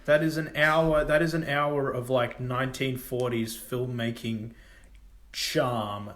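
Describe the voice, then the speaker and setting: Animated young man, roomy sound. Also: mid-range voice, takes it slowly. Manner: animated, jumps between topics with bursts of excitement. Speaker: podcast co-host. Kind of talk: casual film chat. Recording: roomy echo.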